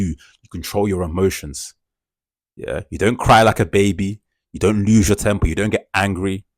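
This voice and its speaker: A man's voice: low voice, dry recording, clean studio sound. A man giving an emphatic, repetitive motivational talk, filling gaps with "yeah" and "bro". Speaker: self-improvement speaker.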